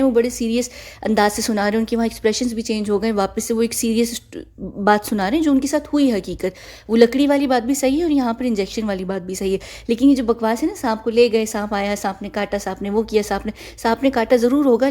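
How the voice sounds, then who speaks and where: A woman's voice: a little high, dark tone. A woman, giving casual, mocking commentary on a clip and lecturing her viewers.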